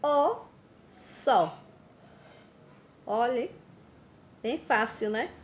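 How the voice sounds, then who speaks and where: A Brazilian woman teaching a recorded class to young children, slow and patient, drawing out words. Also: on the high side, expressive, slight background noise. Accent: Brazilian Portuguese. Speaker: primary school teacher. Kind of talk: recorded remote class lesson.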